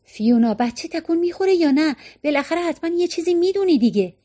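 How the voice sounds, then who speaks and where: A fussing, panicky young husband from an audiobook, voiced by a woman in a high voice. He nags and frets at everyone around him. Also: animated, mellow. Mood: worried. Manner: nagging, panicky.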